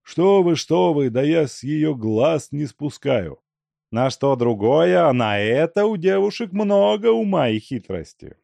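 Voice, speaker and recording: A man's voice: fairly high pitch, animated, measured pace, creaky, warm tone, no echo, pitched above the performer's own voice, heavily acted. Man doing a fretful old father. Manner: fretful, pleading. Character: worried old merchant father, fussy and anxious.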